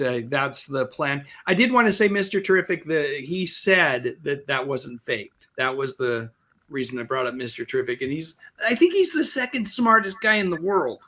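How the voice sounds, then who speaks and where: Male panel co-host, chatty, slightly raised pitch, casual delivery. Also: very animated, normal speed, bright, forceful tone. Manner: chatty, reads out super chats, hesitant restarts. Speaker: podcast co-host.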